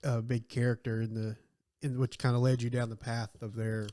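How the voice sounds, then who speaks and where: A man's voice: medium pitch, little pitch movement, moderate pace, mellow, no echo, clean studio sound. Easygoing male podcast co-host. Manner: easygoing, filler-heavy. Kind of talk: casual movie-review chat.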